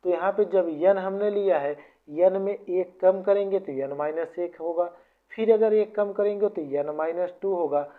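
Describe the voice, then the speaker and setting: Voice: medium pitch, measured pace. A maths teacher patiently explaining formulas step by step, often repeating points. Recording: tinny phone-like sound.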